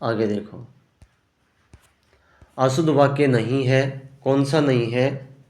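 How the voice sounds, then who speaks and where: A man's voice: mid-range voice, takes it slowly, a little mellow. A man teaching Hindi grammar for an exam, working through answer options and often checking "ठीक है ना". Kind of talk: exam prep lesson. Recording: roomy echo.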